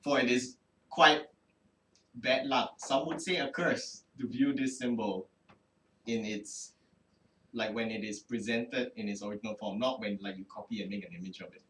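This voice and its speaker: A man's voice: fairly low pitch, moderate pace, fairly bright tone, a little hiss or hum, close to an everyday voice. A man voicing an earnest, frustrated male knight with formal, stiff speech. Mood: stern. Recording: roomy, distant mic.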